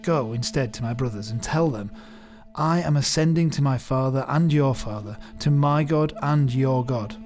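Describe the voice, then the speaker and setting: A man playing a calm, gentle teacher who speaks in a measured way, in an audio drama. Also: mid-range voice, music in the background, natural voice.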